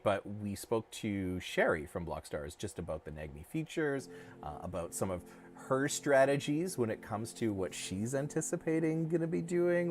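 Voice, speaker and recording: A middle-aged man chats on a livestream with an animated, bouncing pitch, joking along and often restarting his sentences. Faint music plays underneath his voice. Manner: rambling, self-correcting, jokey. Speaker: co-host of a crypto dev livestream. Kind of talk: casual livestream chat.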